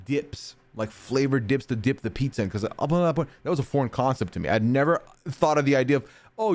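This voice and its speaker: With a mid-range, somewhat dark voice, a North American streamer answers his chat in a chatty, meandering fashion, laughing a lot. People occasionally take his mixed accent for British.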